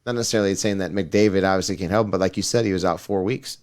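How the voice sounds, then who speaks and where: A man's voice: low voice, steady tone, very fast. A man co-hosting a podcast, rambling casually about sports with lots of hedging and restarts. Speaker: podcast co-host.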